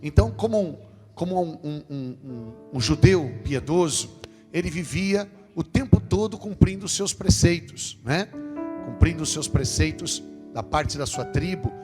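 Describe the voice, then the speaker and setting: A man with a Brazilian Portuguese accent giving a parish sermon, lively and conversational, with jokes. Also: fairly high pitch, unhurried. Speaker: lay preacher. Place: parish church. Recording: long church reverb with guitar music.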